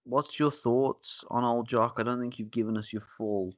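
A man's voice: medium pitch, fairly even intonation, normal speed, no room sound. A man co-hosting a casual beer-tasting podcast, talking in a laid-back way and laughing often. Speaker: podcast co-host. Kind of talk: casual chat.

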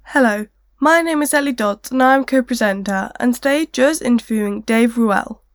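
A woman's voice: on the high side, normal speed, no echo, studio quality, soft background music. A woman co-presenter narrating a scripted guest introduction.

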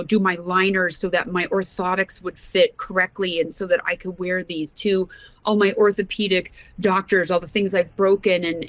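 A woman's voice: fairly low pitch, fairly bright tone, low-quality recording. A woman guest in an interview, a mountaineer speaking earnestly and often laughing. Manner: earnest, laughs often, leans on words for emphasis. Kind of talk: casual interview talk.

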